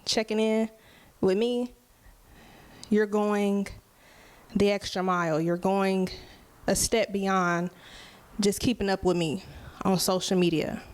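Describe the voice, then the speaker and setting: A steady mid-range female voice belongs to a twenty-something musician doing a solo podcast. Her talk is unhurried, open and conversational, and she regularly checks in with listeners by asking "right?".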